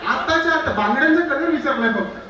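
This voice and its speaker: High-voiced man hosting a lively event. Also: fast, muffled recording. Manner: energetic, urges the crowd to clap and cheer. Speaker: event anchor at a pre-wedding sangeet. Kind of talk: lively crowd hosting, teasing the couple. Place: celebration venue with a crowd. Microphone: handheld microphone through the house speakers. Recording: echoey venue sound, distant mic, crowd noise.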